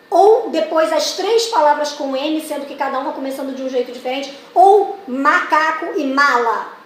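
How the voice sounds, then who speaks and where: A woman training teachers, explaining step by step with many examples and acting out classroom questions. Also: sits high. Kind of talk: explanatory lesson. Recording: echoey room with faint noise.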